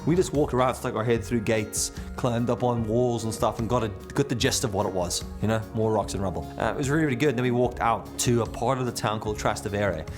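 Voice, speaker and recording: A man's voice: medium pitch, fast talker, hardly any pauses, over music. A young man telling travel stories casually, swearing freely and chuckling as he goes. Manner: laid-back, swears freely, chuckles through anecdotes. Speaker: travel vlogger.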